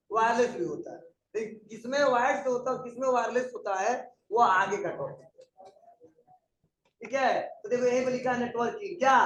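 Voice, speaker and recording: A man's voice: very high voice, far from the mic. A man teaching a computer class in a conversational lecture style, often asking the students questions. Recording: echoey room, voice from afar.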